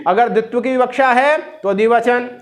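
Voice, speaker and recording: A man's voice: extremely high pitch, normal speed. A man teaching a Sanskrit grammar lesson, quizzing his students with repeated questions and chanting the rules. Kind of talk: classroom lesson, question and answer.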